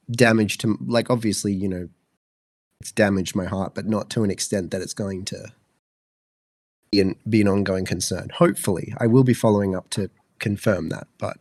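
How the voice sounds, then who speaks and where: This Australian podcast co-host, a guy in his twenties, sounds stuffed up and fluey as he rambles casually, leaning on lots of fillers. He speaks at a normal, steady pace in a lowish, somewhat dark voice with long pauses, recorded clean in a studio with no echo.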